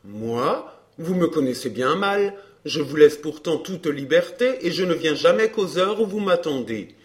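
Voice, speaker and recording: A man reading a glib, self-assured gentleman in an audiobook dialogue, smooth and bantering. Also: fairly high pitch, lively intonation, a little slow.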